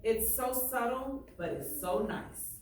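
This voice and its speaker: The teacher's voice is fairly high and expressive, and she takes a slow pace as she reads to her class, pressing on words and asking the pupils questions along the way. Her classroom echoes, and the distant mic adds a roomy sound with slight noise.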